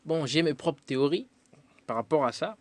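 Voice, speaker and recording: On a radio show, a musician from the DRC responds thoughtfully, often hesitating and dropping in fillers. He speaks at a moderate pace in a voice pitched on the high side.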